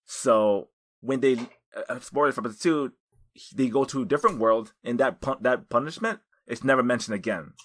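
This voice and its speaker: Brief: male co-host, mid pitch, halting explanations full of restarts. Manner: hesitant, many restarts and fillers. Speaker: podcast co-host. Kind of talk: casual chat about anime.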